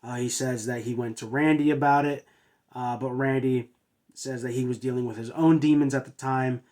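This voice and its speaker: A man's voice: mid-range voice, fairly even intonation, normal speed, darkish tone. A man hosting a wrestling review, casually recapping in a hesitant way with many uhs and restarts. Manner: hesitant, filler-heavy with frequent uhs and restarts. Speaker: wrestling show reviewer and host.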